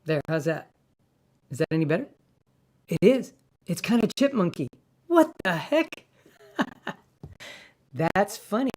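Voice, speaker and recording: A man hosting a casual livestream, his voice pitched up and sped up by a sample rate mismatch on his mic rig, rambling and amused at himself. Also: sing-song, slow, long pauses. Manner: rambling, self-amused, thinking aloud. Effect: pitched-up chipmunk sound from a sample rate mismatch. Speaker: livestream host. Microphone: streaming mic rig.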